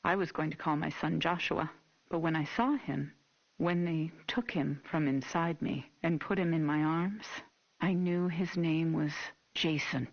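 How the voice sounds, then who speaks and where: A woman's voice: deep voice, fairly even intonation, a little slow. An actress playing an intense, menacing middle-aged American mother, grieving and vengeful, in a taped police interview for a game. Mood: quiet, tender. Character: unhinged, grieving, vengeful mother of a lost boy. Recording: dull, muffled old tape recording.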